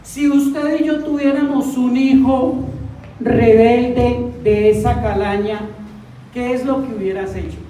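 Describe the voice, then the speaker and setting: Slow preaching woman in echoey hall. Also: on the high side, fairly even intonation, dark tone, slight background noise. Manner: questions the congregation often, slow and emphatic. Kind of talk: sermon. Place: church hall. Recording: distant mic in an echoey church hall.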